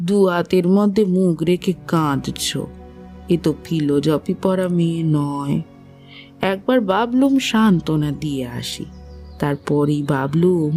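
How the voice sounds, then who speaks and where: In a literary audio drama, a woman voices an older, motherly matron who is caring and plain-spoken. Her low voice carries a gentle, concerned, homely warmth.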